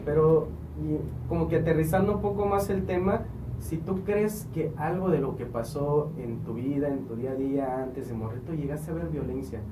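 A man's voice: fairly high pitch, normal speed, noisy background. A man with a Mexican accent, hosting a casual podcast chat, joking and steering the talk. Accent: Mexican Spanish. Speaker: podcast host. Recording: echoey room, mic at a distance.

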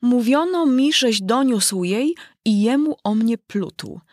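Nervous, fawning storybook rabbit courtier, high and lively, voiced by a woman. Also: slow pace, no room sound, clean studio sound. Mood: reciting.

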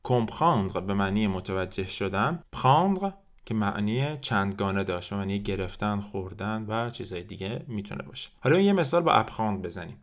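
Male French teacher drilling slow repetitions. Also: lowish voice. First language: Persian. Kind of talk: podcast language lesson.

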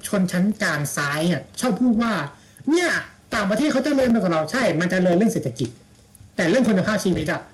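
A man's voice: high voice, lively intonation, fast, a crowd in the background, poor audio. A man in casual chat, blunt and slangy, with mocking asides.

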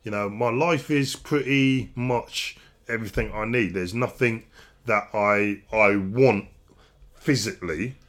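A man's voice: fairly low pitch, a little slow, a bit bright. Rambling middle-aged man hosting a podcast. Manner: rambling, restarts often, self-mocking asides. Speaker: podcast host. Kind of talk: casual podcast chat.

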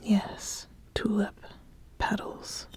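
This ASMR host, a woman, whispers in the role of an ambitious witch assessing a hopeful apprentice. Her pace is deliberate, her guidance gentle, and her mood one of quiet approval.

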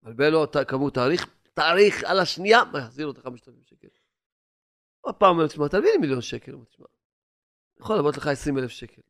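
A man preaching a sermon, telling stories and swinging between loud urging and hushed asides. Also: fairly high pitch, very animated.

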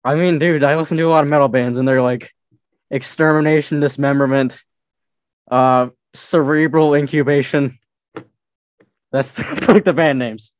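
Young adult male, laid-back joker, slightly raised pitch, dry close mic. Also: fairly even intonation, normal speed, no room sound. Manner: laid-back, joking, says "dude" often. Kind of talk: casual chat.

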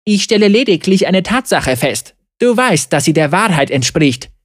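A woman's voice: lowish voice, very animated, moderate pace, no room sound, clean studio sound, voice pushed up. A woman reading an audiobook, voicing a proud young sorceress who speaks scornfully and assertively.

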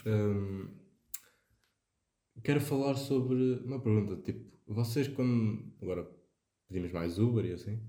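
A young man with a European Portuguese accent speaks informally to his friends on a podcast. His voice is on the low side and relaxed in tone, heard in a very roomy space. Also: a little slow, pauses often. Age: young adult. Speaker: podcast co-host. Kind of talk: casual chat among friends. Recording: roomy, echoing room sound.

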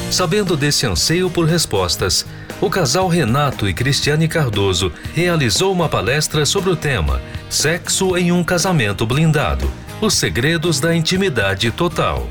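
A man reading a scripted promo voice-over in a smooth, persuasive announcer style. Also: a little high, very animated, unhurried, a bit bright. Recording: voice-over with music bed.

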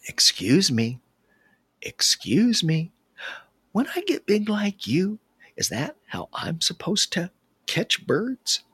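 A man voicing a small, polite, curious young frog with a husky voice. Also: fairly high pitch, sing-song, slow pace, fairly bright tone, no echo, heavily acted.

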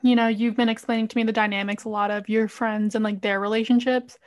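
A woman's voice: on the high side, little pitch movement, fast talker. A young woman guest on a podcast, talking in a dry, sarcastic way. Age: young adult. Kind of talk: casual chat.

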